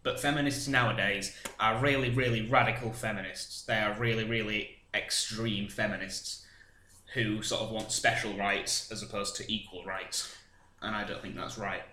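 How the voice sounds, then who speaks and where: A man's voice: fairly low pitch, steady tone, moderate pace, sharp tone. A young man co-hosting a podcast, dry and self-mocking in casual chat. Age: young adult. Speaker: podcast co-host. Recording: echoey room.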